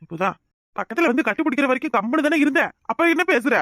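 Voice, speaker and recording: A voice actor playing a quick-tempered young village husband in a cartoon, bickering fast. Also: sits high, animated, fairly bright tone, dry recording, studio quality. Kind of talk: cartoon voice acting.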